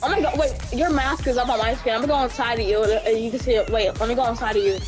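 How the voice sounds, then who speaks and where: High-pitched woman gamer, playful and bossy, joking with a friend, faint music behind. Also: steady tone, rapid-fire. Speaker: game player. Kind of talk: casual gaming chat.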